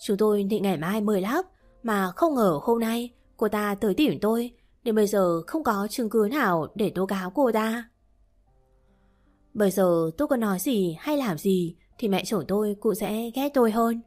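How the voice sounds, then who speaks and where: Woman narrator, mid pitch, first-person audiobook, soft music bed. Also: lively intonation, moderate pace.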